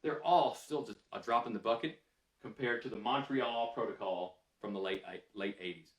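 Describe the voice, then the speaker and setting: A man taking questions after a lecture, speaking in a candid, conversational way and pausing on fillers as he works through his thoughts. His voice sits at an ordinary pitch. It sounds roomy and a little distant from the mic. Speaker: scientist answering audience questions.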